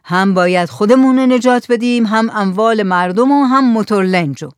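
A careful older village headman, voiced by an audiobook reader frets over what could go wrong. The voice sits at a middle pitch and sounds close and dry. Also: smooth, dry recording, natural voice. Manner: worried, careful.

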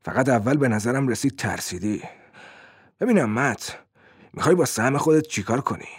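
Sneery greedy thief guy from a story, man doing the voice, husky, dry sound. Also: medium pitch, animated, no room sound. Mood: sneering. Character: greedy, uneasy male thief, mocking.

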